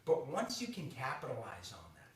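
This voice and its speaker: A man's voice: mid-range voice, wildly swooping pitch, moderate pace. A man in his thirties from Boston with a Boston accent, chatting casually and animatedly, with lots of laughs and restarts. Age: 30s. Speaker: host. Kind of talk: casual chat. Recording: echoey room from far off.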